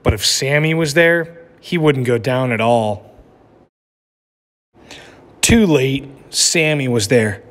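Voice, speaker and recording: A man with a medium-pitched, slightly bright voice reads a children's storybook aloud as a teacher, going slowly and pausing often. He keeps an instructive tone and checks in with his listeners, blending lesson with narration. The room is echoey with long reverb.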